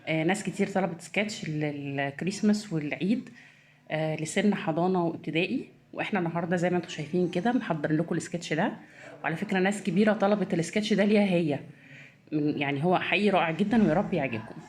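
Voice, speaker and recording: A woman's voice: lowish voice, a little mellow, a little hiss or hum. A woman introducing a children's Christmas sketch in a friendly, chatty way. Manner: quick, friendly, with fillers. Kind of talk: casual introduction.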